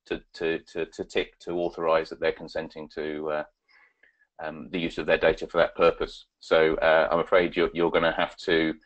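A man giving a webinar presentation and answering questions, halting with many fillers and restarts. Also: very deep voice, completely flat delivery.

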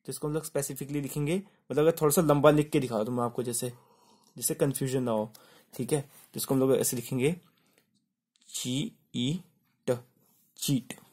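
A man's voice: mid-range voice, fairly even intonation, moderate pace, long pauses, a little mellow, breathy edge. A male shorthand teacher giving a step-by-step tutorial, spelling words letter by letter and repeating "simple" and "okay".

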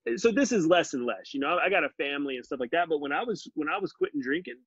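Speaking very fast with big pitch swings, this fortysomething podcast guest has a slightly high, somewhat bright, breathy voice. He chats earnestly and animatedly in a casual interview over a video call from his bookshelf-filled living room, and the laptop microphone gives a muffled, dry recording.

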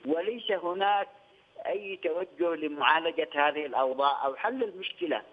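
An older man from Yemen, a studio guest on a news interview, talking in a measured way and repeating phrases, heard over a phone line. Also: fairly high pitch. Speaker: studio guest, former press union head.

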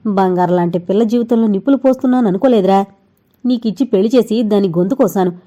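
A woman voicing a sharp-tongued elderly mother with a loud, ringing voice who scolds and shouts at her son in an audio novel. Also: mid-range voice, fast talker, muffled recording, lightly acted. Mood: angry scolding.

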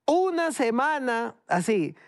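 A young man with an Ecuadorian accent, a guest in a TV studio, telling stories in an animated way and laughing often. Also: very high-pitched, slow pace, dry recording. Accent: Ecuadorian Spanish. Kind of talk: casual interview chat.

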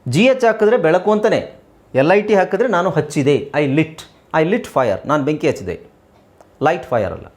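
A man's voice: a little high, animated. A middle-aged man with a Kannada accent teaching an English lesson, patiently spelling out and repeating words. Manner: explains patiently, repeats words, slow deliberate spelling aloud.

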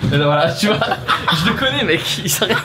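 Excitable young man vlogging in street noise. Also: on the high side, fast. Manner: joking, excitable, swears a lot. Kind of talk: casual travel vlog. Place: city streets outdoors. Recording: clear city street noise.

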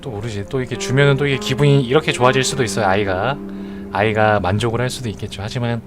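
A man's voice: mid-range voice, quick pace. Man, live game streamer, playful self-justifying banter, music playing behind. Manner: joking, mock-earnest self-justifying chatter.

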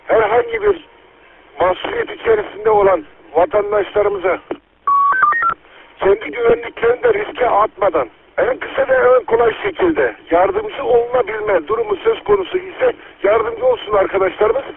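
Male police chief on narrowband police radio, gravelly, very high-pitched, formal and measured, noisy signal. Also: huge pitch swings. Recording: crackly narrowband police radio, clear noise.

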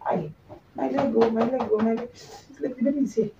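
A Nigerian woman playing a pregnant woman in labor, moaning softly and straining. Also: on the high side, fairly even intonation, fairly quick, creaky, background noise. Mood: pained. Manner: soft, strained, whispery moans. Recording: roomy, distant, dull home recording.

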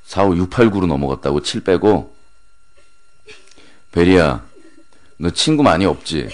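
A man's voice: low-pitched, expressive, unhurried. A man in his thirties hosting late-night radio, teasing listeners and rattling off long rhythmic word lists. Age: 30s. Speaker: radio host. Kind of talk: late-night radio talk with rapid word-chain recitation.

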